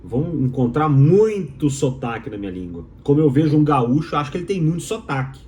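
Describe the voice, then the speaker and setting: Big pitch swings mark this fairly high, mellow male voice, which moves a little fast against a little hiss or hum. The speaker, a Mineiro doctoral student from Minas Gerais, Brazil, explains his views to viewers emphatically and rhetorically, hammering on repeated key phrases.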